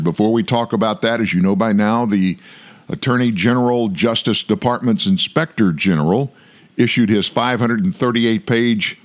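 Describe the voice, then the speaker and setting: A man hosting an online political news commentary show, speaking emphatically with drawn-out stresses and asides to his listeners. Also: medium pitch.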